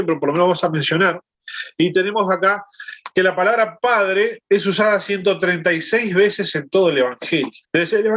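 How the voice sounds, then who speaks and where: A man's voice: sits high, a bit bright, lo-fi sound. A man leading a Bible lesson over a video call, explaining and often checking in with his listeners. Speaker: Bible study teacher.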